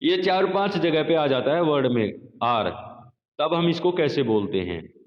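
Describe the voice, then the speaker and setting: A man teaching a phonetics lesson to a class, speaking slowly and repeating sample words for his students. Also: a little high, lively intonation. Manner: slow, repetitive, addresses students as children. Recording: echoey lo-fi room recording.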